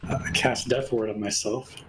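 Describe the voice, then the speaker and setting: A man playing a tabletop game, asking questions and declaring actions in an unhurried way, thinking aloud with ums. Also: medium pitch, steady tone, heavy background noise. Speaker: player. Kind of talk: casual tabletop game play.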